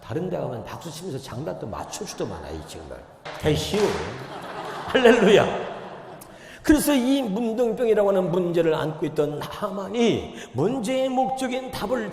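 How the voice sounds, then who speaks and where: Animated preacher guy, fairly high voice, shouts then drops low, roomy church echo. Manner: call-and-response preaching, swings from loud shouts to low murmurs. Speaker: pastor. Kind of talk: revival sermon. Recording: echoey church hall.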